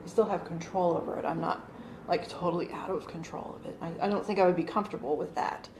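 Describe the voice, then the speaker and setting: In a living room, a woman in her forties explains her channeling to a small group, her voice fairly low, fairly even in intonation, and quick. She's chatty, full of fillers and restarts. A phone camera across the room captures it, so the sound is roomy with a faint hum behind it.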